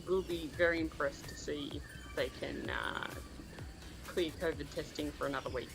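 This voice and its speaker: Man chatting casually over clear music. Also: fairly high pitch, steady tone, normal speed. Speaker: livestream co-commentator and cyclist. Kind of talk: casual chat about cycling.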